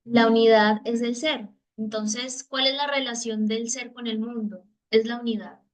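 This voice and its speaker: A fairly high-voiced woman teaching a spiritual master class. She talks in an earnest, reflective way and draws on her own life to explain ideas. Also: fairly even intonation, a little slow. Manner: earnest, reflective, speaks from personal experience.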